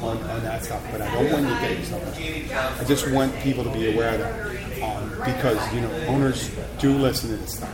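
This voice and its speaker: A fairly quick, medium-pitched man with a Philadelphia accent hosts a relaxed chat show, meandering and ribbing people as he goes. The recording carries a roomy venue's echo and a loud crowd.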